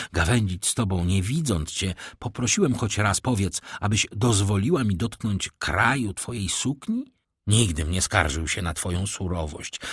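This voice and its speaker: Male reader as ardent young lover in an audiobook, low and husky, lively, dry close sound. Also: dry recording. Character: ardent devoted young man in love. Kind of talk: audiobook reading.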